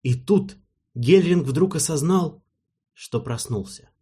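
A man narrating an audiobook in a measured, storytelling manner, with a husky voice. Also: on the high side, expressive, dark tone.

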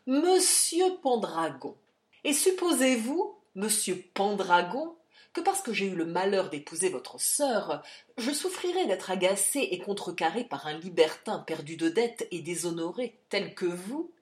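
A woman's voice: on the low side, very animated, unhurried, hardly any pauses, echoey room. A woman reading aloud, voicing a furious, bullying older male general who roars and blusters. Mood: contemptuous. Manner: roaring, blustering.

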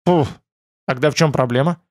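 A man's voice: mid-range voice, moderate pace, a little mellow, no echo, natural voice. Wry, joking young man, audiobook; a man reads him, dry, close recording. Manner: joking, mildly sarcastic.

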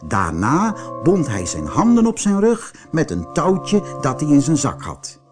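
A man reading a fairy tale aloud as a storyteller, slow and very expressive. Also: fairly high pitch, over music.

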